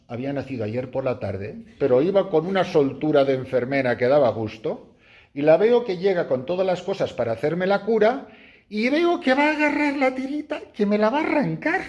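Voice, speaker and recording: Animated Spanish priest preaching to nuns. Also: male voice. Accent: Spain Spanish. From Spain. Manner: animated storyteller, jumps high acting out his own cries and laughs. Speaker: priest giving a retreat meditation. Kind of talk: spoken retreat meditation to nuns. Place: room with a small group of nuns.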